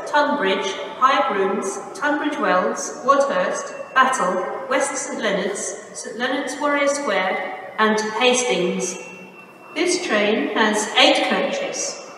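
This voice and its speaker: Slow woman's train station announcement. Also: a little high. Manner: measured, even, formal delivery. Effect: train station loudspeaker announcement. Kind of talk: recorded departure announcement. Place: large railway station concourse. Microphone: station loudspeaker picked up from far off. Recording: echoey station hall, distant, noisy. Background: station ambience.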